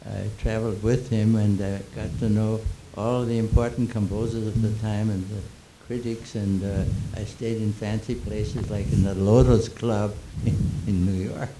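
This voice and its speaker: A man in his 90s, born in Austria with German as his first language, reminisces as an interviewee in a Q&A, telling old stories haltingly with chuckles and many restarts. His voice is on the low side with fairly even intonation, and there's background noise.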